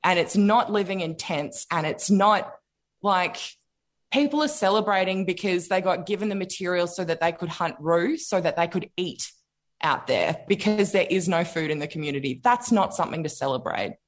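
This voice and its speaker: A woman's voice: fairly low pitch, normal speed. An Australian woman speaking in an impassioned political discussion, emphatic and indignant, repeating phrases for weight.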